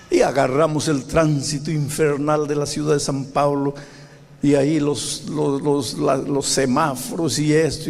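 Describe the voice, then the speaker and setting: A male pastor from Peru preaching a sermon, telling a story and acting out voices with sudden high outbursts. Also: creaky, a little mellow. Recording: long hall reverb.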